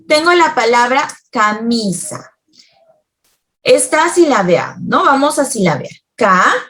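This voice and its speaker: A woman leads a children's grammar lesson, taking it slowly and patiently. Her voice sits a little high and swings widely in pitch as she keeps checking that the children follow along. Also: very animated, a bit bright. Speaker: teacher.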